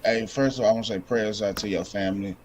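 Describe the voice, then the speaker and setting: A man's voice: on the low side, fairly even intonation, fast talker, darkish tone. Man caller, friendly, laid-back, slight hiss behind. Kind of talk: call-in comment.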